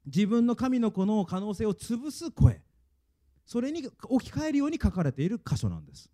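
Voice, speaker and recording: A man preaching with a very dark, mellow tone and a lively, swinging pitch. He speaks earnestly and stresses his points, a pastor addressing his congregation. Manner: earnest, emphatic preaching, leads congregation in reading. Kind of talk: sermon.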